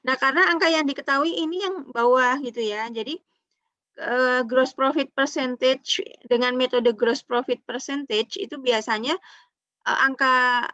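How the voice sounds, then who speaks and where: A fairly high-voiced woman teaches an online accounting class, patient and methodical, checking in with her students as she goes. Her voice comes through a dull, lo-fi call connection, close and dry with no room sound. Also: a bit bright, no echo. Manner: patient, explains step by step, tags lines with "ya" and "gitu". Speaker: lecturer.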